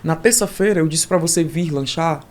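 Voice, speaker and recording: A man's voice: a little high, fairly quick, natural voice. A man voicing a kind older woman who runs a college canteen, speaking firmly and insistently in a retold story. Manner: firm, insistent.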